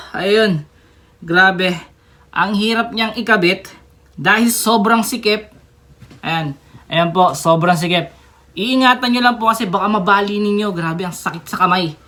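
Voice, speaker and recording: A young woman talks through a toy unboxing in a casual, chatty way. She keeps breaking into excited exclamations and small giggles. Her voice sits at an ordinary middle pitch for a woman. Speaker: toy reviewer.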